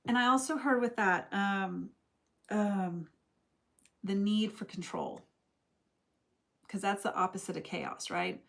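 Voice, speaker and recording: Young woman, tarot reader on a live stream; unhurried, meandering, chatty delivery, mid-range voice. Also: mid-range voice, gravelly. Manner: rambling, reflective, loose and chatty. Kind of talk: casual live tarot reading.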